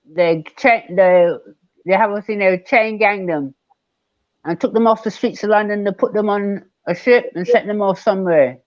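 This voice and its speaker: An older man from Barbados, speaking as a guest elder in an online panel discussion, measured and emphatic, repeating key words. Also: high-pitched, no room sound, muffled recording.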